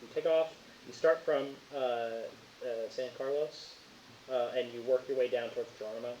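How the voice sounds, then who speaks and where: A man's voice: medium pitch, fairly even intonation, moderate pace, a little mellow. A man narrating as game master of a tabletop game, rambling with many fillers. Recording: echoey, muffled, faint hiss.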